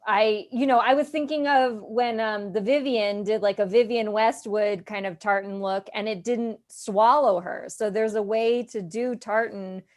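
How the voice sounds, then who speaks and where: A woman on a recap panel, giving measured, analytical critique. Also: mid-range voice, steady tone. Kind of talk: casual recap chat.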